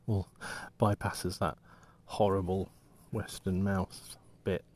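Brief: low-pitched man, relaxed vlog chatter, halting and rambling, trails off mid-thought. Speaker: walking vlogger and artist. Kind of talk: casual rambling monologue.

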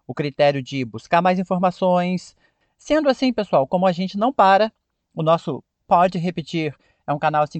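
Brazilian male podcast host, English teacher, high and dry voice, repeats words carefully. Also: no room sound. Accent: Brazilian Portuguese. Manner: didactic, repeats words slowly for emphasis. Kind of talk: podcast lesson on English pronunciation.

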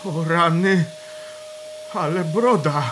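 Man playing a slow, groggy, hungover office drinker. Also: on the high side, background noise. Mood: bewildered, hesitant. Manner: stammering, groggy, slurred exclamations. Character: hapless, hungover male office drinker, stubborn and bewildered. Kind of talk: acted audio drama.

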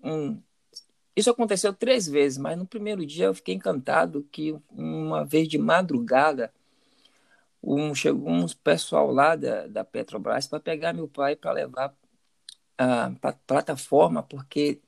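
A man's voice: fairly high pitch, measured pace, vocal fry, no echo. A middle-aged man from Salvador, telling stories as an interview guest, hesitant and full of repeated words. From Salvador, Bahia, Brazil. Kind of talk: casual conversational interview.

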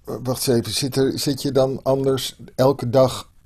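A man's voice: medium pitch, little pitch movement, moderate pace, darkish tone. A man interviewing a guest, asking curious questions and giving short acknowledgements. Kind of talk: conversational interview.

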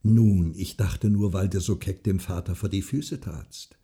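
A man voicing a frail old widow who speaks softly, earnestly and secretively. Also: deep voice, steady tone, a little slow, husky, heavily acted.

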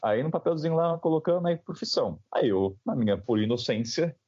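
A young man from Brazil telling a story in a casual, slangy, animated way, acting out the dialogue. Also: fairly high pitch, fairly quick, slightly rough, no echo. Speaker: podcast guest. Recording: slightly dull lo-fi sound.

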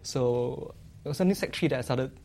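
Relaxed Singaporean man, casual chat. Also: medium pitch, brisk, creaky, a little hiss or hum. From Malaysia. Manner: relaxed, often trailing off with "lah". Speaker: guest cartoonist.

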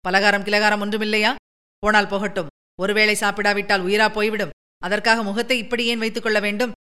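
A woman reading a story, voicing an eager, talkative young man who speaks in rapid, excited bursts. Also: medium pitch, clean tone, natural voice. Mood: cheerful, eager.

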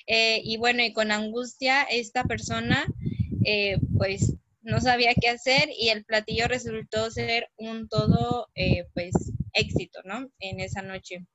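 A Mexican woman giving a talk, pausing often with fillers. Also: a little high, fairly even intonation, fairly bright tone, highs cut off. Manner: hesitant, many fillers. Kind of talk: presentation.

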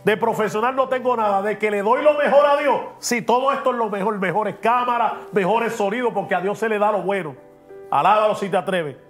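Man, pastor, preachy, podcast studio, soft music behind. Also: sits high, fairly quick. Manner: emphatic and preachy, drops English words in.

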